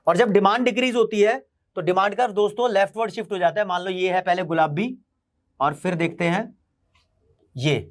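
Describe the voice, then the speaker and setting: A man teaching an online economics class, repeating key English terms slowly for his students. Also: high-pitched. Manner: mixes Hindi with English terms.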